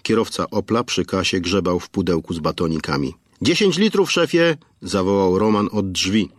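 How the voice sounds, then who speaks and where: A male audiobook narrator tells the story in a measured, even way. His voice sits low, and the close mic leaves it dry. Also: no room sound. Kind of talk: scripted narration.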